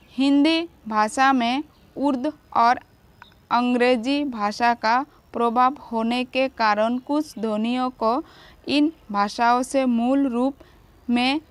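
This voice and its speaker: A woman's voice: fairly high pitch, clean tone, no room sound. A woman teacher giving a grammar lesson to children, asking questions and answering them herself.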